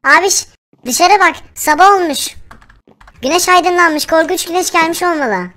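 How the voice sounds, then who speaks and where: A man putting on an excitable kid sibling's voice in a Minecraft role-play. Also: extremely high pitch, unhurried, voice pushed up, exaggerated voice. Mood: excited.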